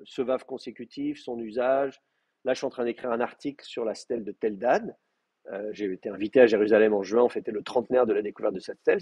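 A man's voice: mid-range voice, a little mellow, husky, no echo. A man giving a live university classroom lecture, explaining with hesitant, stop-start delivery and frequent restarts. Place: classroom with in-person and remote students.

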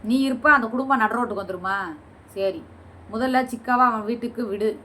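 A woman's voice: a little high, fairly quick, bright, forceful tone, slight background noise. A woman vlogger answering viewer comments in a combative, scolding and sarcastic way. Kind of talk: heated reply to comments.

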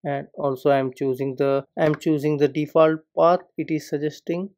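A man with a somewhat high voice narrates his screen capture for a coding lesson, moving at a moderate pace. He explains each step calmly and repeatedly uses the word "particular."

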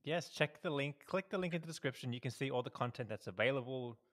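This podcast co-host, a man with a mid-range voice, talks at a quick pace with a slightly bright tone. In the casual conversation he's agreeable and fond of short, repeated affirmations, recorded on a podcast microphone over a video call.

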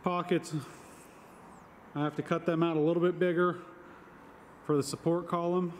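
A slightly higher-voiced man casually narrates a walk around his building site for his homesteading vlog, unhurried and matter-of-fact, with filler pauses. The handheld outdoor recording picks up faint ambience and slight background noise.

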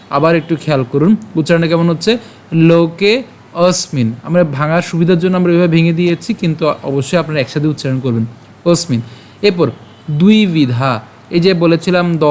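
A man teaching the pronunciation of Sanskrit verses, chanting slowly and asking patient questions. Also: a little high, a little mellow, slight background noise. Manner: slow syllable-by-syllable chanting of verses; patient explaining with rhetorical questions. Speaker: Gita recitation teacher. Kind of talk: pronunciation lesson.

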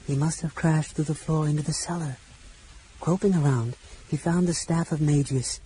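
A man's voice: fairly high pitch, steady tone, moderate pace, breathy edge, poor audio. Man reading a fantasy audiobook. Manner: voices characters with shouts and hushed whispers. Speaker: audiobook narrator.

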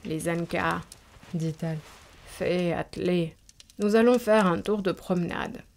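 A woman voicing an old, haughty and capricious countess in a storybook reading, giving drawn-out commands. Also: fairly low pitch, gravelly, darkish tone. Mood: imperious.

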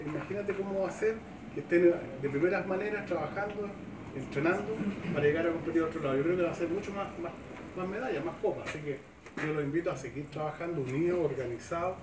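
A middle-aged government official with a Chilean Spanish accent and a high, quick voice gives a chatty, folksy, informal speech at a club event, often checking with the crowd through tag questions. He's in an open-sided covered sports shed, semi-outdoors. The audio comes from a far camera with no microphone, so it's echoey, distant, and noisy.

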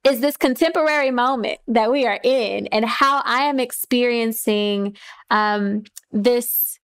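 A woman with a somewhat high voice speaks as a playwright guest in a reflective discussion. Her phrasing is deliberate and thoughtful, with pauses.

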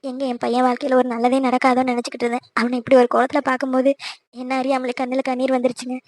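A woman voicing the groom's tender, worried mother in an animated cartoon, speaking softly and politely. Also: high voice, very fast, no echo, studio quality, lightly acted. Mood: anxious.

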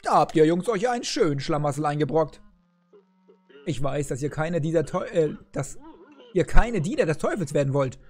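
A man's voice: a little high, expressive, normal speed, a little mellow, soft background music. A man reading the lines of a wise old grandfather kettle who earnestly advises two boys in a cartoon game.

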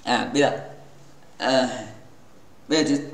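A man's voice: medium pitch, fairly even intonation, unhurried. A man hosting a gaming livestream in casual chat, playful and teasing with his viewers, rambling and restarting his sentences. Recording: echoey room.

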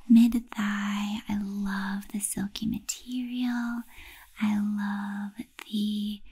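Slow breathy whispering woman. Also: medium pitch, darkish tone. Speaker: ASMR creator. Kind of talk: ASMR.

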